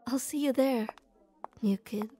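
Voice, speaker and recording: A shy tomboy, gruff but kind, is voiced by a young woman in an ASMR roleplay, close to the mic and talking to the listener. She hesitates and stammers in a mellow, somewhat high voice at a measured pace, with a slight hiss or hum.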